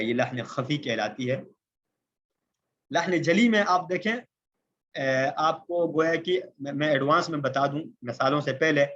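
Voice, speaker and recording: Male religious teacher from Pakistan, mid-pitched, methodical lesson delivery, dull recording. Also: a bit bright. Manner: explanatory, repeats points with "ٹھیک ہے" checks; slows down for Arabic terms and examples. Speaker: tajweed teacher. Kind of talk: recorded Quran recitation lesson.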